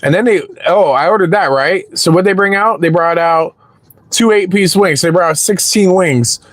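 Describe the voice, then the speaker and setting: A man's voice: high voice, moderate pace, a bit bright, no room sound. A man chatting casually with his live-stream viewers while waiting for rides in his parked car, rambling and swearing freely.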